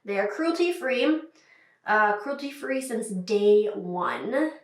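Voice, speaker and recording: A young female beauty vlogger, her voice stuffy from a cold, chats upbeat through a makeup tutorial, using lots of fillers. She speaks slowly and expressively at a medium pitch. The recording is echoey, made in a small indoor room.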